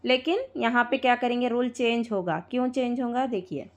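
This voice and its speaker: A woman teaching Quran recitation rules to students, patiently repeating points, spelling out letters slowly and checking often that they follow. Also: on the high side. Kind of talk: live tajweed lesson to students.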